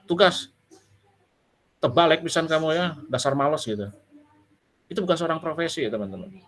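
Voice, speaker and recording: A man's voice: medium pitch, a bit bright. A male lecturer giving a casual, conversational lecture to his students. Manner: conversational, addresses students as friends.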